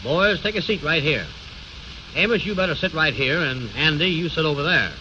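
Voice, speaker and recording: An actor playing a calm, courteous lawyer with precise, formal diction in an old radio comedy. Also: male voice, fairly high pitch, normal speed, lightly acted. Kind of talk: 1930s-40s radio comedy acting. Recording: muffled, noisy old radio recording.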